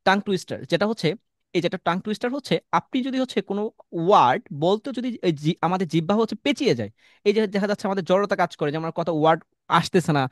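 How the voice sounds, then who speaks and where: A man's voice: sits high, expressive, quick pace, no room sound. Guy teaching an online class, makes students repeat tongue twisters, dry close mic on a call. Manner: coaching students through tongue twisters, calling on them. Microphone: computer mic on a video call.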